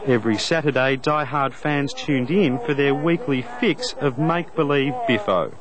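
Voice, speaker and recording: Wry Australian male reporter over loud noise. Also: medium pitch, moderate pace. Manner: wry, tongue-in-cheek. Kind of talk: scripted feature narration.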